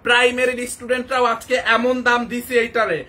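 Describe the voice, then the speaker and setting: A young man from Barisal with a cold, hosting a live clothing sale in an excited, rapid hard-sell patter. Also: extremely high pitch. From Barisal, Bangladesh. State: has a cold. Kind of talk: live shopping sales pitch.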